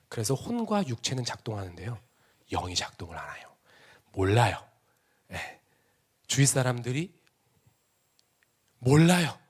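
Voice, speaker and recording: A man preaching an emotional Sunday sermon in a church, swinging between loud exclamations and hushed whispers. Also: medium pitch, husky. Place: church sanctuary.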